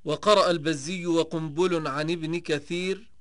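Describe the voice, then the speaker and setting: A man teaching Quranic reading variants, stating each case plainly and then chanting the verses slowly and melodically. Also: on the high side, fairly even intonation, no echo, clean studio sound. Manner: measured explanation, slow melodic chanting of verses. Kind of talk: recitation lesson on Quranic readings.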